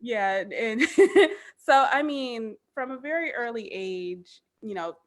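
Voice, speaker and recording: A woman in her thirties, a podcast guest, talking in an animated, emphatic casual way with lots of "like". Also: a little high, slow. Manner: animated, emphatic, frequent "like" fillers. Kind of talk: casual chat.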